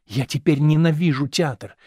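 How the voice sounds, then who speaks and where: A man's voice: on the high side, moderate pace, dark tone, slightly rough, dry recording, studio quality. A man reading as a young actress in love. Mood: rapturous. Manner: earnest, declamatory reading.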